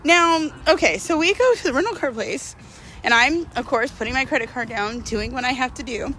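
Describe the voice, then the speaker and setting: On a rough recording with a little hiss or hum, a woman with a high, expressive, pushed and bright voice tells a personal story briskly. The vlogger is chatty and slangy, leaning heavily on "like" and performing snippets of dialogue.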